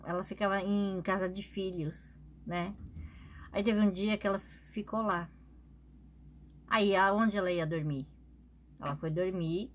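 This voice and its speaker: A woman's voice: mid-range voice, a little hiss or hum. Chatty woman telling a personal story. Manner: chatty, often adds tag questions and laughs softly. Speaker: vlogger.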